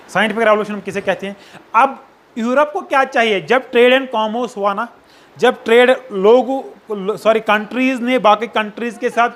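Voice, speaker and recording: With a high-pitched, fairly bright voice, a Kashmiri man teaches a sociology class. He slips in English phrases and repeatedly uses tag questions to make sure his students are following along.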